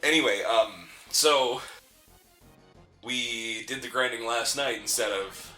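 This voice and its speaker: A city-raised man with mountain family roots co-hosts a gaming let's play, his medium-pitched voice slow, pushed and bright. He chats casually and comments on the game with joking, teasing banter. Faint game music plays behind a roomy echo.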